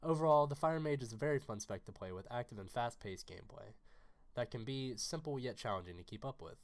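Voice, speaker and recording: A man with a raspy, hoarse voice from being under the weather, giving a scripted game guide narration in a brisk, informative way. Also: mid-range voice, expressive. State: hoarse from illness.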